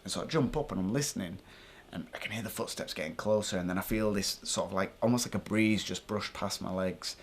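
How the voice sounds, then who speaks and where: A man's voice: fairly low pitch, a little fast, slight background noise. A British man talking casually and informally to viewers as a paranormal vlogger, thinking aloud as he explains.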